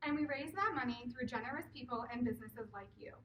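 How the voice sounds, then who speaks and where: A woman with a fairly high voice delivers a prepared kickoff speech to an audience. The sound is distant and echoey, with faint noise underneath. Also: fast, a bit bright. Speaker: nonprofit executive director giving a speech. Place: public event at a drive-in movie night.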